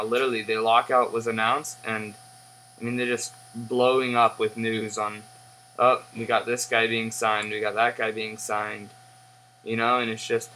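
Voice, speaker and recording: A young man giving a casual, rambling review in a halting way that trails off, recorded on a webcam in a living room. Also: fairly low pitch, bright, forceful tone. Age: young adult. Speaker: pipe tobacco reviewer. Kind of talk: casual unscripted review chat. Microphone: webcam at desk distance. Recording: humming, noisy webcam audio.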